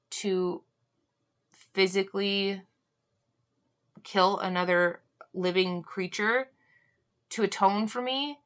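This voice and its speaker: A young woman hosting a solo podcast, talking earnestly and reflectively, often pausing on "um" and asking "right?", with an occasional cough. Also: mid-range voice, pushed and bright. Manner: earnest, musing, frequent "um" and "right?". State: coughing now and then. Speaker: podcast host.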